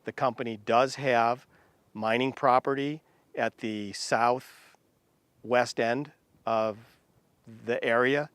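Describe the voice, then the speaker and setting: A man speaking deliberately and emphatically in an interview for a mining company. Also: mid-range voice, fairly even intonation, fairly bright tone, clean tone, dry recording.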